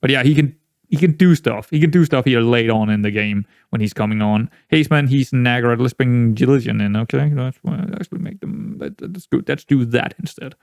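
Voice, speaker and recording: A young gaming YouTuber, a native Danish speaker with a Danish accent, chats casually while playing a football management game, rambling with frequent restarts and breaking into excited outbursts. His voice is medium-pitched, brisk, and gravelly. The recording is clean studio sound with no room sound.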